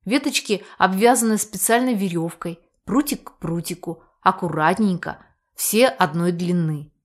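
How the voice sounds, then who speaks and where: A woman reading an audiobook in the first person, in a lively, expressive storytelling manner. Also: on the low side, moderate pace. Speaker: audiobook reader.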